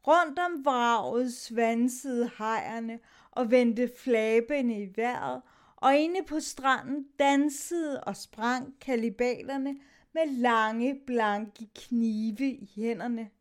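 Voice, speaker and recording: A woman reading a dramatic story of shipwrecked sailors aloud, shifting her tone between the sailors' lines. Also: on the high side.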